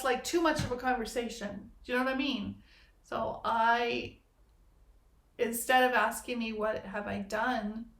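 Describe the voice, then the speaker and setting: A woman's voice: high voice, gravelly, fairly bright tone. A woman hosting a podcast, musing in reflective spiritual chat and playing on the meanings of words. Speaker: podcast host. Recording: echoey room.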